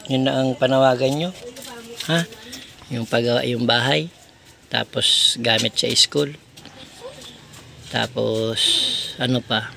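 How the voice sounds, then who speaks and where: A man's voice: medium pitch, fairly even intonation, slow, vocal fry, long pauses, background noise. A man filming a casual vlog, coaxing children to speak with short repeated prompts. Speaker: vlogger visiting a needy family.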